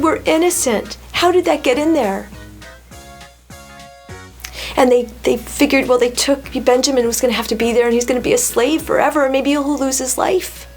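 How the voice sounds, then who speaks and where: A woman tells a Bible story to young children in a slightly high voice. She talks warmly and keeps asking them questions as she goes. Faint music plays quietly behind her. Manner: warm, asks the children questions.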